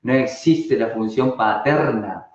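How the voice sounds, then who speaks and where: A man's voice: mid-range voice, takes it slowly. Man, Argentine Spanish accent, online class teacher, rhetorical questions, dull roomy sound. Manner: animated, asks rhetorical questions and answers them. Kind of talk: live online class talk.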